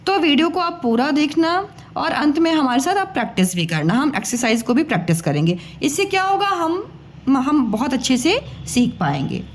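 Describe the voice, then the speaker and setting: A woman teacher giving a patient, coaxing lesson to children, sounding out letters slowly and repeating them. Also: high voice, big pitch swings, slight background noise.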